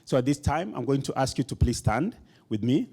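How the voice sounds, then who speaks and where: A man's voice: medium pitch, very animated, brisk, gravelly, warm tone, husky. A man giving a rousing conference speech in a hall, emphatic, leading the audience in call-and-response chants. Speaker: motivational speaker.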